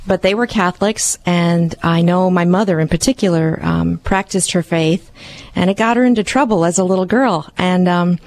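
A woman's voice: fairly low pitch, normal speed, a little mellow. A woman who is a guest in a radio studio, speaking carefully and with some fillers. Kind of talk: radio interview and read prayer.

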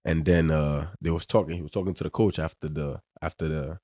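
This young man's voice is extremely low, steady, warm and brisk, captured in studio quality without echo. A pro soccer player with a West African accent, he's a laid-back podcast guest whose slangy chat is packed with "bro" and "you know what I'm saying."

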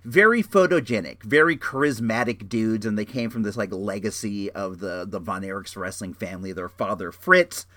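A man's voice: lowish voice, steady tone, a little fast, hardly any pauses, fairly bright tone, dry recording. A middle-aged man hosting a show with casual, rambling reviews, enthusiastic and slangy, often repeating his phrases. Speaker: show host.

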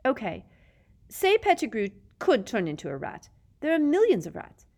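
A woman's voice: huge pitch swings, normal speed, darkish tone, exaggerated voice. A woman reading aloud and voicing a nervous, skeptical teenage boy in a storybook. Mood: incredulous. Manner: weak, incredulous, high.

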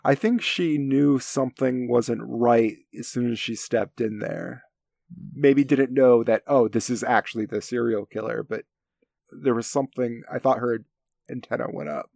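A man co-hosting a casual film discussion from his home, speaking in hesitant, halting phrases with a creaky voice. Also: mid-range voice, steady tone, darkish tone, no room sound, clean studio sound. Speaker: podcast co-host. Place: home basement. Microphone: recorded at his end of an internet call.

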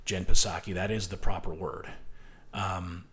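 Emphatic low-voiced male political commentator. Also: level tone, a little slow, bright, forceful tone, slightly rough. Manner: emphatic, combative, repeats "right?". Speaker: commentary show host.

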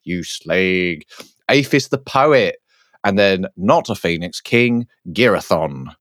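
Bloke recapping game lore on a podcast, lowish voice, dry close mic, trips over his words. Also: expressive, a bit bright, no room sound. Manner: halting, self-correcting, laughing. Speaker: podcast co-host. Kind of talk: casual chat, recapping lore.

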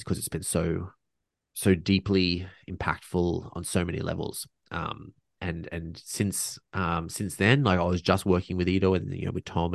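Low gravelly guy talking as a podcast guest, earnest, lots of ums and restarts, casual swearing. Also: dry recording, studio quality. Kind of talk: casual conversational interview.

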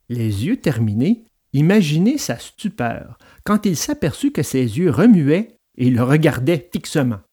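A man reads a children's storybook aloud, expressive and dramatic, in a voice that's a little high with a breathy edge.

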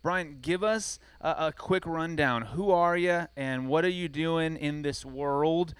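A man from California hosts a podcast with eager enthusiasm, rambling and dropping fillers along the way. His voice is mid-pitched, smooth and clear. The sound is dry and close to the mic. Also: unhurried, fairly bright tone, no room sound. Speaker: podcast host. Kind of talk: casual podcast chat.

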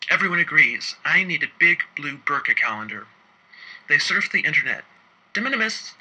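A man telling a wry first-person story about his work as an inspector, moving between quick asides and slow, emphatic phrasing. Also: a little high, bright, forceful tone, breathy edge, low-quality recording.

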